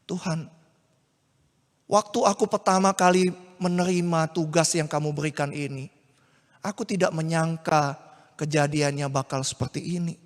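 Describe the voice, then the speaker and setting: A man voicing a distressed young woman who speaks in a soft, hushed way. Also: fairly high pitch, steady tone, normal speed, long pauses, lightly acted. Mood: tearful prayer. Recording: long hall reverb.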